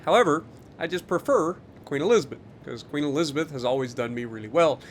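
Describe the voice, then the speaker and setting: A man giving casual after-action commentary on a naval warship game, joking and animated, with many fillers. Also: on the high side, fast talker, slight background noise. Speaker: gaming YouTuber.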